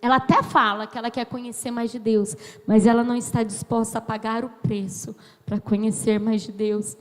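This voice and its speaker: A woman in her thirties from Brazil preaching a sermon as a pastor, slow and emphatic, acting out dialogue as she tells stories. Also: fairly high pitch, little pitch movement. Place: church sanctuary. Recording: long church hall reverb.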